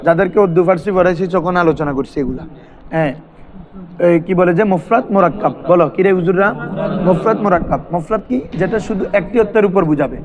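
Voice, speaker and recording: A man's voice: high voice, a little fast, highs cut off, a crowd in the background. A man teaching a classroom grammar lesson, asking his students questions and repeating terms for them to answer. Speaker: madrasa teacher.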